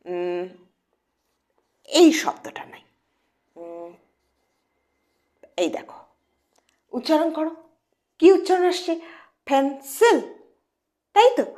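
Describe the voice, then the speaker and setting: High, lively woman teaching pronunciation. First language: Bengali. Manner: asks questions and answers them, coaxing. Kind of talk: online lesson, explaining to students.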